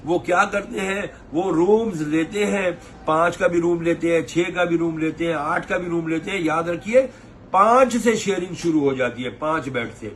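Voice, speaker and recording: A man's voice: a little high, fairly bright tone, a little hiss or hum. A man, a tour operator lecturing pilgrims to camera in a preachy, scolding way, mimicking their complaints. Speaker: umrah tour operator giving advice. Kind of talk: advice talk to camera.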